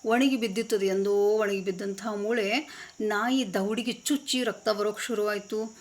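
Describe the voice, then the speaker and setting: A woman's voice: mid-range voice, fairly even intonation, normal speed, slight background noise. A woman telling moral stories in an earnest, emphatic way. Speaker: moral storyteller. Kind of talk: moralizing storytelling talk.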